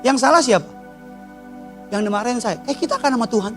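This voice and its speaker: A male pastor, preaching a sermon with animated storytelling and acting out voices. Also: extremely high pitch, fast talker, over music. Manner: animated storytelling, acting out voices of God, angels and his child.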